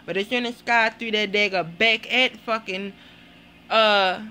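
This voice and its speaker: A woman reviewing a TV show in a casual vlog, blunt and animated, cursing freely as she talks. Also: mid-range voice, a little slow, slight background noise. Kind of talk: casual profane vlog commentary.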